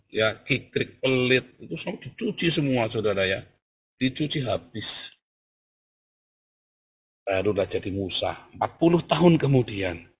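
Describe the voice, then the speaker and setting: A man preaching a sermon with fervour, swinging from low murmurs to loud excited bursts and calling his listeners brothers. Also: husky. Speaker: pastor.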